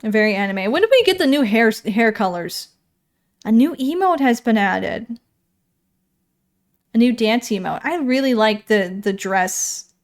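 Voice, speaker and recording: She is a streamer chatting casually over game patch notes, rambling, self-correcting, and thinking aloud as she goes. Her voice is a little high and animated, and she speaks unhurriedly, pausing often.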